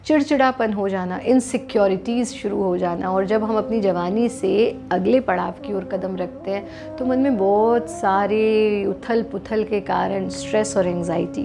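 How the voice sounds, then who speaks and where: A woman with an Indian accent, a yoga teacher giving calm, measured guided instruction. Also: mid-range voice, vocal fry, over music.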